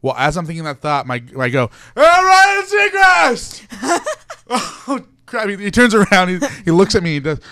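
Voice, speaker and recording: A young man telling animated, excitable stories as a guest on a casual radio show. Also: on the high side, quick pace, few pauses, no echo, clean studio sound. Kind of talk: casual radio interview storytelling.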